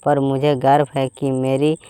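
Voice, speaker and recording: Man voicing mother-in-law, storybook tale, chiding yet motherly, smooth voice, dry sound. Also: mid-range voice, monotone, measured pace, dark tone, no room sound, natural voice. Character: mother-in-law, fussy then kindly. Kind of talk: storybook voice acting.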